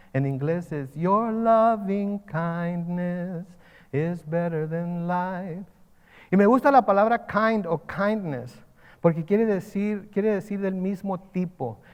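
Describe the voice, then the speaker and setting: A man's voice: high-pitched, a little mellow, in a large hall. A man preaching a sermon as pastor, swelling and dropping his force and repeating key phrases. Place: church sanctuary.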